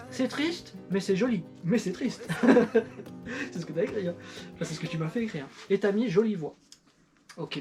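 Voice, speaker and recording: A woman's voice: mid-range voice, a little mellow. A middle-aged woman in casual chat, reviewing an old record with her child in a playful, self-mocking way with many fillers. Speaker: YouTuber and parent.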